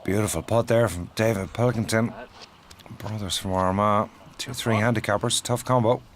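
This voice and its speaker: A man's voice: fairly low pitch, steady tone, normal speed. A man giving commentary at a golf tournament. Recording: clear outdoor ambient noise.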